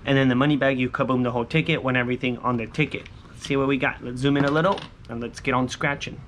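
A scratch-off lottery host in his thirties speaks fast with a medium pitch, fairly even intonation and a fairly bright tone. He chats casually with viewers in short, repetitive, informal phrases while scratching tickets on a covered patio by a pool, and clear ambient background noise is audible.

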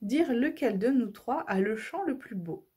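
A woman's voice: a little high, expressive, a little slow, warm tone, husky, full character voice. A woman voicing a boastful, eager swallow in a storybook, bragging.

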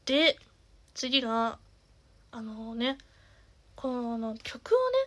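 A young woman in her twenties with a naturally nasal voice, chatting casually as a singer and streamer, with lots of fillers and the odd soft half-whisper. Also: on the high side, big pitch swings, very slow. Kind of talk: casual chat.

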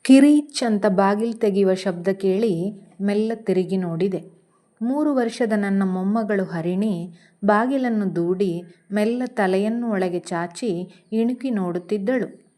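A woman narrates a short story she wrote, reading it aloud. Her delivery is slow and gentle, and her voice sits in a middle register. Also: medium pitch. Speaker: storyteller and author.

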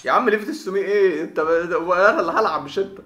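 Egyptian Arabic accent, man, gaming commentary, excitable, stammering, shouty, bright voice, echoey room. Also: high voice, racing. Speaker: gaming video host. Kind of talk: live game commentary.

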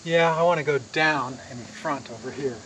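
The audio is poor as a sawmill owner in his forties, voice on the high side and a bit bright, talks at normal speed about a repair outdoors in a wooded yard. He chats, laughs easily and keeps working, with clear background noise around him.

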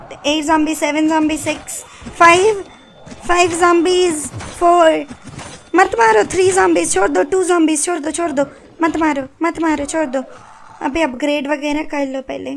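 Casting: high-pitched, excitable woman gamer calling orders to her squad, loud gunfire behind. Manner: excitable, swears, barks quick orders to teammates. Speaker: gaming channel host. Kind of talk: live mobile gameplay commentary with squad chat. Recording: constant gunfire and game noise behind.

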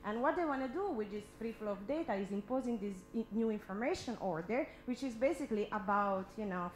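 High-voiced woman on a roomy panel mic. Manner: halting, repeats words while arguing earnestly. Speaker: symposium panelist. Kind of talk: impromptu panel discussion. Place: indoor symposium room. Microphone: handheld microphone. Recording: roomy hall echo, noise and hum.

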